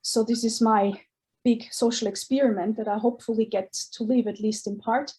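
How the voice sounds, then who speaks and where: A woman's voice: fairly high pitch, steady tone, a little fast, warm tone. A woman from Austria talking as a guest artist in an interview, earnest and searching, often restarting her sentences. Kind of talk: casual interview talk.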